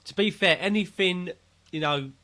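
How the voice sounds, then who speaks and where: A man's voice: high voice, normal speed, pushed and bright. A man co-hosting a podcast, chatting casually and ribbing his co-host, swearing freely. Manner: joking, banter-heavy, swears freely. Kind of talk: casual chat.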